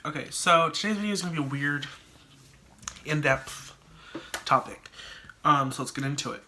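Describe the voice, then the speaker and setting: A man's voice: fairly high pitch, normal speed, bright, forceful tone, a little hiss or hum. A man vlogging casually to camera with a congested, stuffed-up voice, thinking aloud with lots of likes and ums. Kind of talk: casual solo talk to camera.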